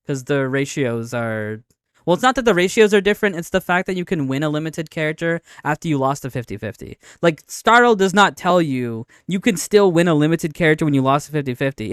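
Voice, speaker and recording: A man streaming casual live commentary, arguing his points in an insistent, halting way with frequent repetition. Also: fairly high pitch, smooth, no room sound, clean studio sound. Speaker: streamer reacting to a video and answering chat. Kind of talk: casual live commentary, debating game updates.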